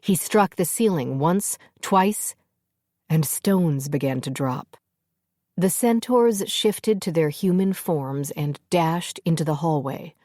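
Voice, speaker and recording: A woman narrating a fantasy audiobook in a steady, measured storytelling manner. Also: low-pitched, no room sound, clean studio sound.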